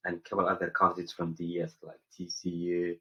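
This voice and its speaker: Low-voiced young man from Somaliland. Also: monotone, a little fast, sharp tone, muffled recording. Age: young adult. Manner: earnest, searching for words with frequent fillers. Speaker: guest, college senior. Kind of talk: casual interview answers.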